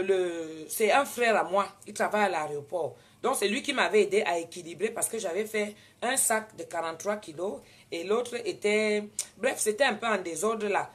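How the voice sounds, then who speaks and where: A woman with a Cameroonian French accent tells a story in casual talk, at a medium pitch. She is animated and swings into loud, indignant retorts. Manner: animated, switches into loud indignant retorts when quoting herself. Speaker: vlogger.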